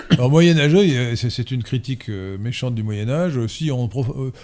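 A man's voice: medium pitch, lively intonation, normal speed. A man hosting an interview, talking emphatically and digressively, correcting pronunciation with a pedantic streak. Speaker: host. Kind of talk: interview conversation.

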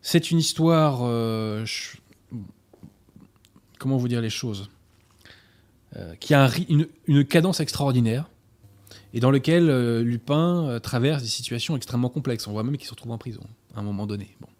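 A man hosting a talk, presenting novels and reading passages aloud in a measured, sometimes hesitant way. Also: mid-range voice, a little mellow. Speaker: host presenting books. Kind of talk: book presentation and read-aloud.

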